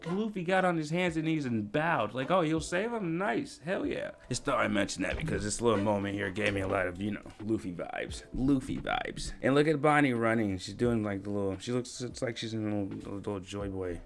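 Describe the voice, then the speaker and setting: Man, low gravelly voice, slangy rambling reaction talk, excitable. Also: fast, hardly any pauses, faint music behind. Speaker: anime commentator. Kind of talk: casual reaction commentary.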